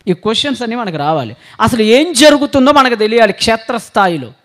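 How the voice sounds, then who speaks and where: A man's voice: extremely high pitch, sing-song, fast talker, a bit bright. A male preacher with a sore throat delivering a sermon, firing rhetorical questions at the congregation and answering them himself.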